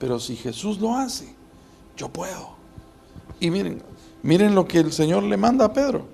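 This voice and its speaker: A man's voice: high-pitched, sing-song, moderate pace, gravelly, dark tone. A man preaching a sermon as pastor, building emphasis with rhetorical questions.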